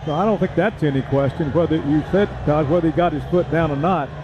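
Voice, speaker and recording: A man's voice: a little high, fast talker, dull audio. A man giving conversational radio sports color commentary in a folksy, partisan way. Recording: loud stadium crowd and music behind. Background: crowd noise and music.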